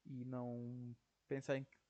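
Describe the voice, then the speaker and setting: A man's voice: medium pitch, completely flat delivery, a little slow, dark tone. Young Portuguese man hosting his own podcast, chatty and rambling with a European Portuguese accent, lo-fi home recording. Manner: rambling, says "ok?" constantly, slangy. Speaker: podcast host. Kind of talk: casual solo podcast monologue.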